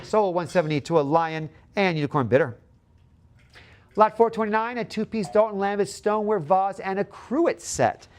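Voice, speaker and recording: A man's voice: sits high, moderate pace. A man working as an auctioneer at a live auction, calling bids in a repetitive patter and asking for the next one.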